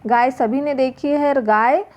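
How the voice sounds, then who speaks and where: Slow, patient woman teacher. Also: sits high, darkish tone. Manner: slow, deliberate, repeats words and sounds for children. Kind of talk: classroom lesson walkthrough.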